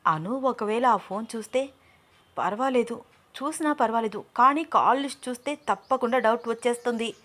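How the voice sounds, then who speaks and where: A woman reading the lines of a calm young man in an audio story, measured and gently firm. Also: fairly high pitch. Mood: worried. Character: young man Abhiram, calm boss, anxious inside.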